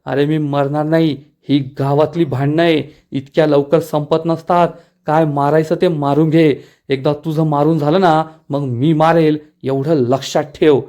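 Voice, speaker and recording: A man's voice: fairly high pitch, flat delivery, measured pace, dark tone, natural voice. A man reading as a furious young heir. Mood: angry, threatening. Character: angry young man claiming his inheritance.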